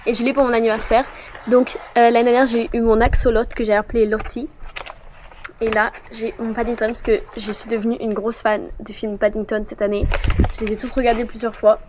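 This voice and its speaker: A woman's voice: a little high, level tone, fairly quick, background noise. A woman of twenty chatting casually and rambling in a bubbly way as she films her own vlog. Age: 20s. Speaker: vlogger.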